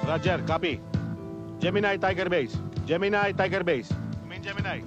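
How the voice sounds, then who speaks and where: A dutiful police base operator calls out and relays reports over a police radio. His voice is high for a man and sounds distant, with music playing behind it. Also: moderate pace. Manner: formal radio call-and-response. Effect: police radio transmission. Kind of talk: 1980s Filipino action film acting.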